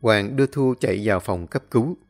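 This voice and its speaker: A man's voice: fairly low pitch, brisk, soft background music. A man narrating a dramatic story expressively, acting out the scenes.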